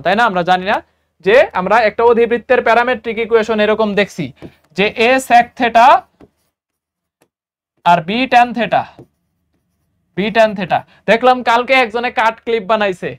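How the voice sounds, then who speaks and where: Chatty Bangladeshi math tutor, smooth voice. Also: male voice, very high voice. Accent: Bangladeshi Bengali. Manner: chatty, repeats key steps, asks students quiz questions. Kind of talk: casual exam-prep lesson.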